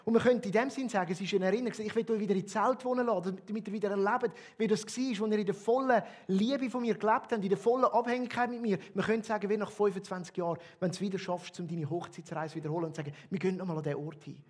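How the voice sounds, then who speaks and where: Husky high-voiced Swiss German pastor preaching. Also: male voice, fairly even intonation, rapid-fire, hardly any pauses. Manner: earnest, emphatic preaching with varied emphasis. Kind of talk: sermon.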